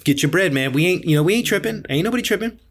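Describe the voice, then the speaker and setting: A middle-aged man, a chef co-hosting a podcast, telling stories in a slangy, animated way and often repeating himself. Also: high-pitched, rapid-fire. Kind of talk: casual chat.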